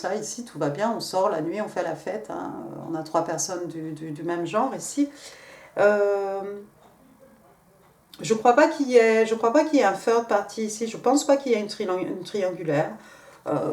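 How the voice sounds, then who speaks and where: A woman's voice: mid-range voice, a little mellow, recorded from a distance. A woman giving a casual tarot card reading, hesitant, with many fillers and restarts. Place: room at home. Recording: roomy, from off the mic.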